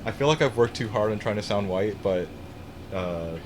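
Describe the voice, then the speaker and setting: A young man from the United States chats casually on a live gaming stream, rambling, swearing and restarting his sentences as he plays. His voice is fairly low and expressive, at a normal speed, with crowd noise behind him.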